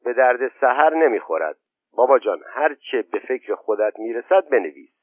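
A man's voice: medium pitch, sing-song, no room sound. A man voicing a terse father speaking offhandedly while reading. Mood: offhand. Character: absorbed father, terse, dry-humored. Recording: tinny narrow-band, dry.

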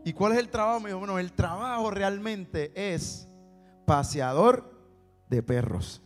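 A man's voice: sits high, moderate pace. A man with a Puerto Rican accent preaching a sermon as a personal testimony, telling his story and acting out the dialogue. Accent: Puerto Rican Spanish. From Puerto Rico. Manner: storytelling, acts out dialogue, repeats words for emphasis. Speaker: preacher and singer. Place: church sanctuary. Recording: long hall reverb with faint music.

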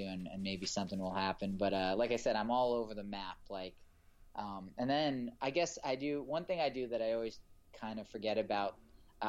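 A man, a filmmaker, chatting casually in an interview, rambling with frequent restarts and fillers. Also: lowish voice. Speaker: filmmaker guest.

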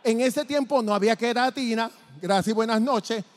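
A man giving a testimony from the pulpit, telling his story in an animated way and acting out the dialogue. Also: very high-pitched, moderate pace. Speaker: church testimony speaker. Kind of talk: testimony preaching. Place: church sanctuary. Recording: long church reverb.

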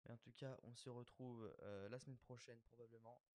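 A man's voice: medium pitch, fairly even intonation, fairly quick, a little mellow, no room sound. A young man hosting a casual commentary show, talking hesitantly with lots of fillers and self-mocking asides. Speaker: host of an episode-breakdown show.

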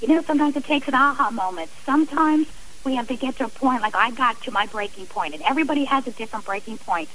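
With a high voice, lively intonation and a fast, slightly bright delivery, a middle-aged woman tells her own story from the heart on a radio interview, often restarting sentences. There is slight background noise, and the recording is low quality.

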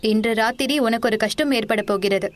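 A woman voicing a tall, stern Buddhist monk in a storybook reading, speaking in a grave, measured way. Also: fairly high pitch, no echo, close to an everyday voice. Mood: prophetic.

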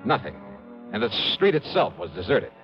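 An actor playing a hard-boiled private investigator, tense and clipped with wry asides, in a 1950s radio detective drama. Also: male voice, fairly low pitch, big pitch swings, normal speed. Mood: suspenseful. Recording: dull vintage radio broadcast with music.

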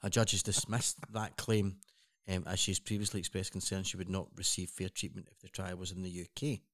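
A man's voice: low voice, flat delivery, a little fast, a bit bright. A man co-hosting a casual news chat, earnest and rambling with frequent restarts. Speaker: co-host.

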